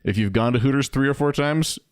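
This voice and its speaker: A man's voice: medium pitch, fairly quick, clear, resonant tone, no echo, studio quality. A man in his thirties co-hosting a podcast, chatting wryly and reading items off a list. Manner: chatty, wry, reads from a list. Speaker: podcast co-host. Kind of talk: casual podcast chat.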